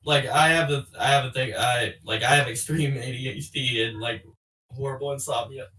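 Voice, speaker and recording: A man's voice: medium pitch, steady tone, normal speed, sharp tone. A man in a casual podcast chat, rambling and poking fun at himself. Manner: rambling, self-deprecating. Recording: distant from the mic.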